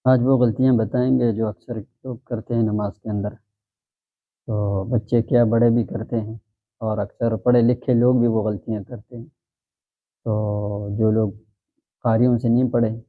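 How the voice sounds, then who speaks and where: A male Quran teacher explains common mistakes in prayer with calm, patient speech at a medium pitch. He often breaks off to recite phrases slowly and at length. The sound is thin and tinny, like a phone recording. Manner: explains calmly, then recites Arabic slowly and drawn out. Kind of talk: religious lesson on prayer recitation.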